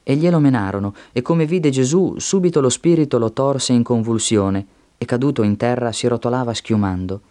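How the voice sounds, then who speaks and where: A man reading scripture aloud in a steady, measured way. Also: medium pitch. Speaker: scripture reader.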